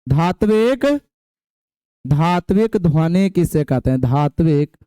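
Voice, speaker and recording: A young teacher in the middle of a class lesson, drilling definitions over and over and calling on students with homely, folksy asides. His voice sits high and comes out smooth and clear. It is recorded dry, with no echo from the room. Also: animated, takes it slowly, mellow. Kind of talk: classroom lecture.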